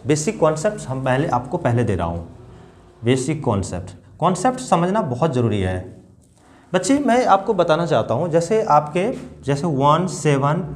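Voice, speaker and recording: Indian male math teacher, slightly high voice, animated, coaxing children through each step. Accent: Indian English. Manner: addresses pupils as children, repeats and checks "ठीक है?". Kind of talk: classroom math lesson.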